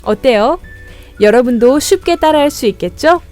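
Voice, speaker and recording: A woman's voice: high-pitched, lively intonation, normal speed, darkish tone, faint music behind. A woman narrating a scripted study tutorial in a friendly, encouraging manner, speaking directly to students. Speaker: lesson guide.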